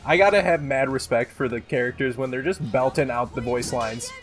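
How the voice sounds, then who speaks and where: Over faint music, a medium-pitched man delivers brisk top-ten gaming countdown commentary. He jokes, exaggerates, swears some, and loudly belts out lines from the games.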